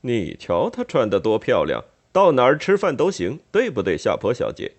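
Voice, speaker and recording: A jovial older merchant father from a storybook, as a man puts him on, hearty and teasing. He sounds fairly loud and pleased with his own jokes. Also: mid-range voice, wildly swooping pitch, moderate pace, husky. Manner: hearty, joking.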